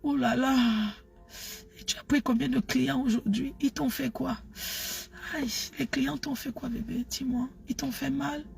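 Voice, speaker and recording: A woman playing a sultry lover on the phone, in a whispered role-play that is soft, breathy and coaxing. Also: sits high, fairly even intonation, unhurried, hardly any pauses, exaggerated voice.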